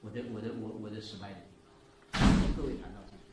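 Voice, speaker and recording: A man in his seventies giving a sermon and telling a story, moving between loud exclaiming and quiet asides. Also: on the low side, fairly even intonation, rapid-fire, far from the mic, very noisy. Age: 70s. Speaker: preacher. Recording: echoey room, voice from off the mic.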